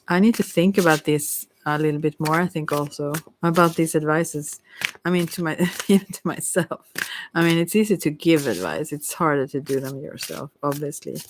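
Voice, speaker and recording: Background noise sits under a mid-range voice speaking at a normal pace. It's a tarot reader during an ASMR livestream, giving relaxed, softly supportive spiritual advice while rambling uncertainly and trailing off partway through ideas.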